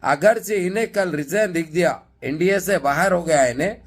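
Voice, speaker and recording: A man's voice: sits high, normal speed. A man giving impassioned, mocking political commentary to his viewers. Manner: fiery and mocking, addresses viewers as friends and brothers. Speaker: online news commentator.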